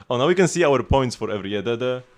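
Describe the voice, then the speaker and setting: A man streams a game and talks it through casually, circling back and restarting his sentences as he explains team setups. His voice sits in an ordinary middle pitch. Faint game music plays underneath. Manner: rambling, restarts often, explains strategy. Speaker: livestreamer.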